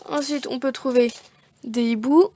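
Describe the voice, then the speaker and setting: A high-pitched woman talks through her supply haul in a relaxed vlog. She rambles, corrects herself and fills pauses with "euh". Faint background noise sits under the voice. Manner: chatty, rambling, self-correcting with many fillers. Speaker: beauty vlogger showing craft supplies. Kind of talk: casual unboxing chat.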